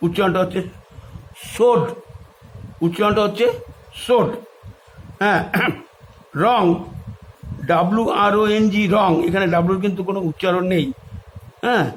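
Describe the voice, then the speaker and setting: A man teaches English spelling. He spells each word out letter by letter and then repeats it in a steady classroom manner. A faint hiss and a few clicks sit behind the voice. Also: high voice, normal speed, long pauses, rough recording. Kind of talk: spoken English lesson in Bengali.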